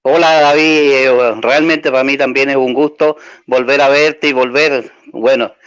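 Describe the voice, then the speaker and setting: Guesting in a casual interview, this Chilean man speaks with a Chilean accent in a medium-pitched, steady, clear, resonant voice that's a bit bright, at a measured pace. He's hesitant and slightly nervous, using many fillers; the recording is dry and lo-fi with no echo.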